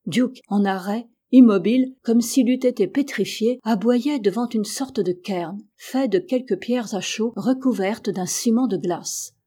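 A woman narrates a classic adventure novel as an audiobook. Her reading is measured and even, and her voice is warm and mellow. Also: on the high side, husky. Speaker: audiobook reader.

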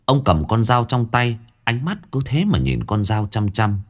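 A man's voice: medium pitch, unhurried. Dramatic male ghost story narrator. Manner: dramatic, expressive reading.

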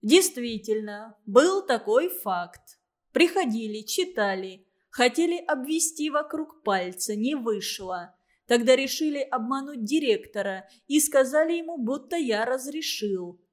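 A woman voicing a stern, domineering male party official who accuses and shouts. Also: fairly high pitch, lively intonation, measured pace. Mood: accusing. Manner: hectoring and loud.

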